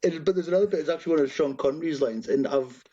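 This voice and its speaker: A man's voice: on the high side, rapid-fire, mellow, highs cut off. A man co-hosting a podcast, chatting casually about a film and laughing through his sentences. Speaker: podcast co-host.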